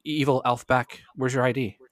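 Man, podcast host, swears a lot, animated, mid pitch, dry close mic. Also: moderate pace, no room sound. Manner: profane, animated storytelling. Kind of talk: casual chat.

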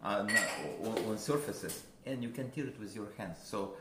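A man with a Russian accent, a guest musician, talking casually in a halting way, searching for words with many fillers. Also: fairly low pitch, lively intonation. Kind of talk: casual interview. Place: a friend's house. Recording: roomy with background noise.

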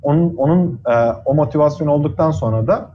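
A man's voice: fairly high pitch, fairly quick, muffled recording, a little hiss or hum. A man in his twenties, a guest in an interview, speaking earnestly and thoughtfully with frequent fillers. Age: 20s. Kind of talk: casual interview chat.

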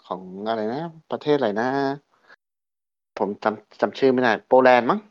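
A man's voice: mid-range voice, moderate pace, a little mellow, muffled recording. A man co-hosting a casual chat show, talking with many fillers and restarts. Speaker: podcast co-host.

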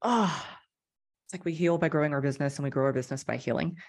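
A woman's voice: low voice, fairly even intonation, racing, a little mellow. A woman hosting a podcast group chat, effusive and emotional, with lots of affirming murmurs. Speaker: podcast host.

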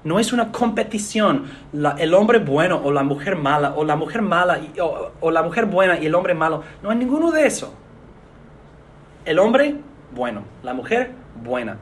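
A man, a pastor, preaching an earnest sermon in a measured way with pauses. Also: on the high side, slight background noise.

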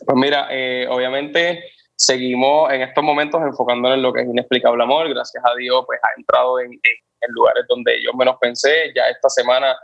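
A man's voice: brisk, gravelly, no room sound, muffled recording. Puerto Rican man telling a story. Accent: Puerto Rican Spanish. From Puerto Rico. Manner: animated, acts out dialogue with pitch jumps. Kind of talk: casual interview storytelling.

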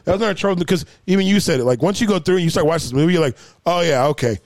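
Rambling podcast host, dry close sound. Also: male voice, high-pitched, animated, racing, a little mellow, no room sound. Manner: rambling, repeats himself, swears casually. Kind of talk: casual movie review chat.

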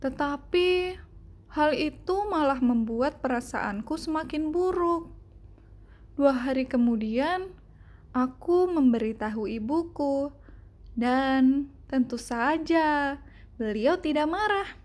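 A woman reading a children's storybook aloud in a gentle, expressive way. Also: high voice, slow pace, long pauses. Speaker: storybook reader.

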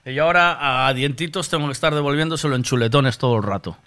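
A man with a Castilian Spanish accent and a bright, sharp voice tells stories in casual chat. His delivery is animated and colloquial, peppered with swearing. The sound is close and dry. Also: mid-range voice, fast talker, no room sound.

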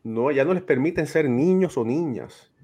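A man's voice: a little high, expressive, normal speed, warm tone, husky. A man hosting a casual podcast chat over a video call, giving earnest, fatherly advice and often tagging his sentences with a questioning "right?". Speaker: podcast host.

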